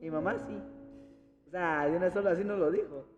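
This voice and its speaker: A man, a church pianist, tells a personal faith story in an earnest, reflective, halting way during a casual conversation. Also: high voice. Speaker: church pianist sharing a testimony. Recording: reverberant, dull recording with music behind.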